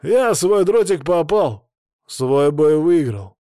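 A man voicing a boastful adult male fighter who acts as a prison boss, slow, loud and swaggering, in an audiobook. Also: mid-range voice, no room sound, studio quality, close to an everyday voice. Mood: irritated.

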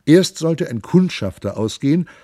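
A man reading a comic classic novel aloud, narrating in a measured storytelling manner. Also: on the high side, very animated, dark tone, no echo, studio quality. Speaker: audiobook reader.

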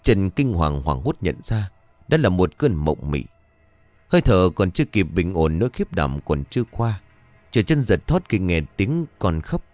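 A man narrating a scripted horror story in a slow, suspenseful reading voice. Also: low voice, big pitch swings, a little mellow, no echo. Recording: music bed behind the voice. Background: faint music.

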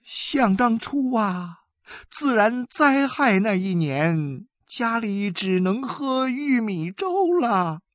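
A fierce middle-aged wife from a story speaks in an emphatic, scolding voice, as a woman reader puts her on. Her pitch rises high and swings widely. The delivery is dry and close. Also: sing-song, slow, no room sound.

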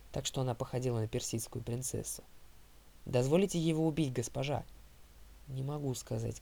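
A man narrating an audiobook in a steady, first-person storytelling manner. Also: medium pitch, creaky.

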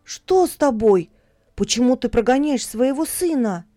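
A woman voicing a gentle, bewildered young boy who pleads anxiously. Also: fairly high pitch, expressive, a little slow, dry recording, clean studio sound, voice pushed up. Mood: anxious pleading.

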